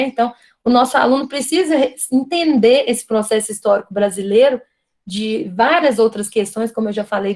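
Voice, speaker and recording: A Brazilian guest lecturer speaks in a fairly high, darkish-toned voice during an online university lecture. With a Brazilian Portuguese accent, she reasons thoughtfully, restarting sentences and frequently asking "né?".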